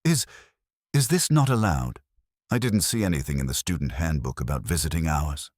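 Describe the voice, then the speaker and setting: A man reading the lines of a friendly, easygoing young woman student who coos gently, in a very deep, husky voice. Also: lively intonation, moderate pace, dry recording, clean studio sound. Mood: puzzled.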